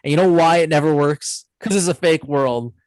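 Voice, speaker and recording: A channel host leads a casual chat about movies, animated and rambling, correcting himself as he goes. His voice is a little high at a moderate pace. The audio has no echo but is poor in quality.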